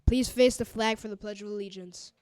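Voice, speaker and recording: A woman speaking into a microphone, leading a morning prayer in a measured, formal way. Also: medium pitch, steady tone, darkish tone, clean tone, no room sound. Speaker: school announcer leading prayer.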